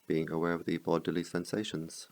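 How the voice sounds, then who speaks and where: Leading a guided meditation, a teacher speaks in a deep, monotone voice with vocal fry. His phrases come slow and measured with pauses between them, recorded without echo.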